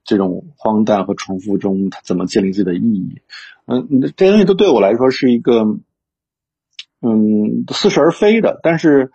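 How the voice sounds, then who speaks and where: A man with a lowish, gravelly voice that is mellow and husky chats reflectively about books, full of fillers and restarts. The recording sounds dull and lo-fi.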